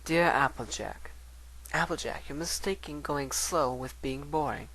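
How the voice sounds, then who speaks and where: A man's voice: on the high side, unhurried, sharp tone, full character voice, rough recording. A man voicing an earnest, bookish female unicorn scholar in an articulate, reflective dramatic reading of a letter. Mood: earnest, fond.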